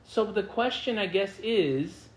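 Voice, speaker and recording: A man's voice: sits high, lively intonation, measured pace. A man co-hosting a podcast, reflecting and questioning in casual discussion. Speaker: podcast co-host. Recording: roomy echo.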